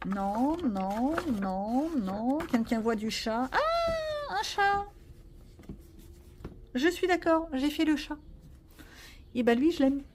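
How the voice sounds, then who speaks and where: A woman's voice: high voice, very animated, takes it slowly, long pauses, slight background noise. A woman vlogging casually about her coloring pages, rambling and joking at herself with lots of fillers. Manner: chatty, rambling, self-mocking, many fillers. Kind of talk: casual chat.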